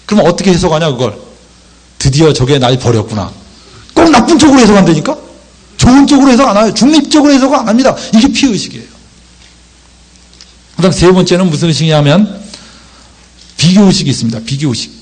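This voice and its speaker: A pastor with a high-pitched, breathy-edged voice preaches a sermon lecture at a quick pace with long pauses. He tells lively stories and acts out the voices of the people in them.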